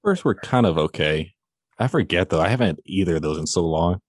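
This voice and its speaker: A man's voice: deep voice, animated, fast, no room sound, clean studio sound. A man chatting on a casual podcast in an offhand, jokey, laid-back way.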